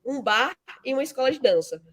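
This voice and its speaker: Speaking as a guest, this fintech founder and CEO from Salvador, Bahia, explains her points conversationally, often adding the tag "né." Her voice sits high and sounds fairly bright, with a sing-song lilt and a quick pace.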